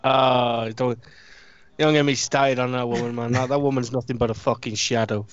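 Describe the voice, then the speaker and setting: A man's voice: mid-range voice, steady tone, normal speed, dry recording. A man in casual wrestling chat, blunt and opinionated, swearing freely. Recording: muffled lo-fi recording.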